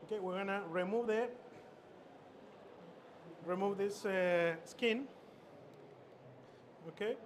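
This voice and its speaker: High-voiced man teaching a cooking demo. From Chile. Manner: halting, many fillers and repeated words. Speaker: chef instructor. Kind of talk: live cooking demonstration. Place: expo stage. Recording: noisy expo hall ambience.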